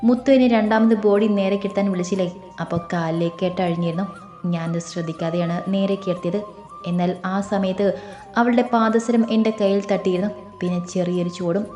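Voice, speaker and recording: A woman's voice: medium pitch, steady tone, brisk, mellow, close to an everyday voice. A woman voicing an earnest young man who speaks urgently and explains, recorded in a roomy space with faint music.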